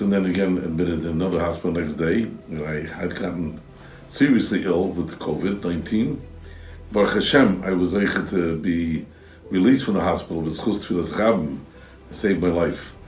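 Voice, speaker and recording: A man's voice: deep voice, darkish tone, far from the mic. An older man giving an earnest spoken testimonial in a study. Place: book-lined study. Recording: echoey room, off-mic, faint music.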